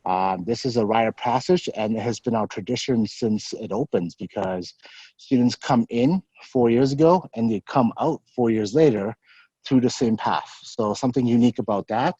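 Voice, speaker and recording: On a live virtual campus tour, a male university staffer explains as he goes and takes questions, a bit breathless from walking and peppering his speech with "um" and "so." His medium-pitched voice is dark with a breathy edge, at a moderate pace. The recording is muffled, with no room sound.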